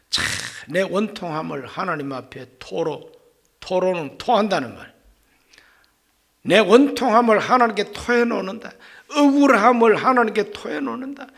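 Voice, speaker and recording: A male pastor preaching a sermon, swinging from hushed whispers to loud exclamations and firing rhetorical questions at the congregation. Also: high voice, vocal fry.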